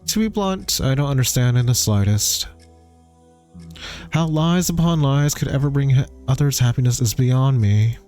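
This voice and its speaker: A man plays a grieving spirit of a father who presses with stern, measured questions. His voice is mellow and soft-edged, his delivery unhurried and heavy. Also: medium pitch, close to an everyday voice. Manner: slow, solemn, probing questions.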